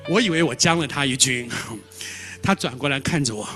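A man preaching a sermon as a lively storyteller who repeats words and acts out dialogue. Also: mid-range voice, a little fast, soft background music. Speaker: pastor.

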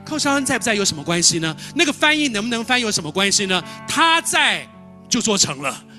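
A man preaches a story-filled sermon at a rapid clip. He repeats words and acts out the dialogue, in a bright, forceful voice that sits a little high. Soft music plays faintly behind him. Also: very animated. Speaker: pastor.

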